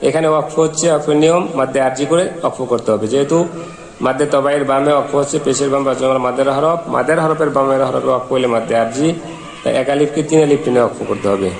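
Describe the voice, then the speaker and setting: A man's voice: mid-range voice, fast talker. A man teaching Quran reading, spelling out syllables one by one and then chanting the verses melodically. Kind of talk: slow spelled-out recitation lesson. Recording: echoey hall reverb.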